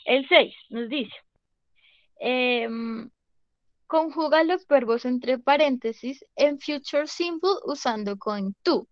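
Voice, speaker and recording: Patient woman teacher, high dry voice. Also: slow, no room sound, highs cut off. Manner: patient, checks understanding with frequent questions. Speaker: English teacher. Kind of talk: online class explanation. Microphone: video call.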